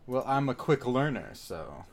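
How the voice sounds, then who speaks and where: A man's voice: medium pitch, very animated, measured pace. A man giving casual, joking commentary while playing a video game. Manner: joking, chatty, reacts to the game. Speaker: gamer playing through a game.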